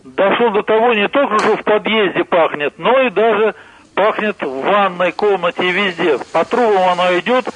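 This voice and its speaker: A man's voice: high-pitched, normal speed, a bit bright, slight background noise. A man calling in to a radio show over a phone line, asking polite but insistent questions about problems at home. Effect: heard over a phone line into the studio.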